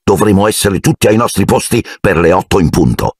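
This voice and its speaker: A man's voice: sits low, animated, fairly quick, a little mellow, breathy edge, no echo, exaggerated voice. A man voicing a pompous, sour middle-aged uncle in a storybook reading.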